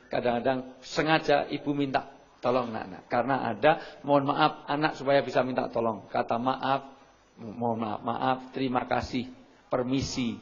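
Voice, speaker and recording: A middle-aged man lecturing an audience, lively, acting out shouted examples and often apologizing politely. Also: mid-range voice, normal speed. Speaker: seminar speaker. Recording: muffled lo-fi recording.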